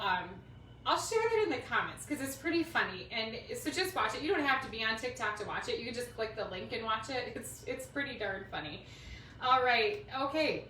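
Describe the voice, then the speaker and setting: A fairly high, bright, forceful voice with lively intonation moves a little fast as this middle-aged woman with a Minnesota accent rambles casually while hosting a craft livestream. She's from Minnesota, United States, speaking from a roomy room at home, and the distant mic yields a roomy sound with faint noise.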